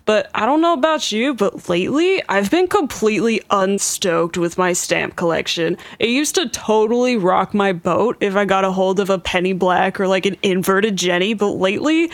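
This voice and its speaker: A woman's voice: mid-range voice, no echo, close to an everyday voice. A woman voicing a laid-back young surfer-bro man reading a parody ad in slangy, salesy bro talk. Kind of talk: parody ad read.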